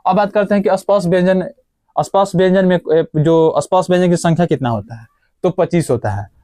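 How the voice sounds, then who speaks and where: A man's voice: high voice, brisk, warm tone, dry recording, clean studio sound. A young man teaching an exam-prep grammar lesson in a casual way, asking questions and answering them himself and repeating the key points. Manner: casual, addresses viewers as friends and brother.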